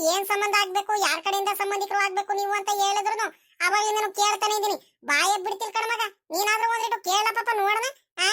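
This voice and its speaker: A woman doing a fussy old village mother. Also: extremely high pitch. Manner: scolding, calls out loudly.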